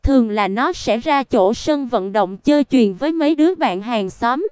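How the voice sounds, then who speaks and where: Brief: woman storybook narrator, high, very smooth voice, steady reading. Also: no room sound, clean studio sound. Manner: even, unhurried reading that voices the punctuation aloud.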